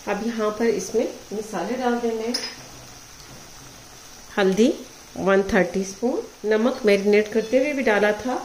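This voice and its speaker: A woman hosts a cooking lesson in a home kitchen, giving measured, methodical steps and checking in with her viewers. Her voice sits at a middle pitch, with faint sizzling and stirring behind it. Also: slight background noise, poor audio. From Pakistan. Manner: calm, methodical, checks in with "ठीक है". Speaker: cooking show host. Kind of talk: step-by-step recipe instruction. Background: frying and stirring sounds.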